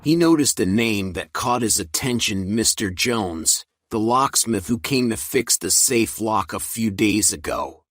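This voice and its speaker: A man reading a simple story aloud in a clear, even way for English learners. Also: fairly low pitch, unhurried, hardly any pauses, no room sound, clean studio sound. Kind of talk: slow storybook narration for learners.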